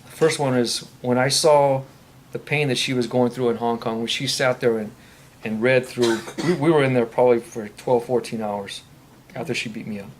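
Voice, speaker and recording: A man's voice: mid-range voice, steady tone, moderate pace, a little hiss or hum. Earnest man answering questions at a meeting. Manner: earnest, faith-filled, rambling with restarts. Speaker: recovery ministry speaker. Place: meeting room.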